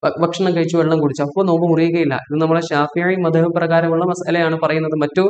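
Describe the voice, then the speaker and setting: A man's voice: fairly high pitch, level tone, fast talker, a little hiss or hum. A man giving a religious instruction talk as a preacher. He asks himself rhetorical questions, answers them, and keeps reminding listeners to pay attention. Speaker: Islamic preacher. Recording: echoey, dull lo-fi audio.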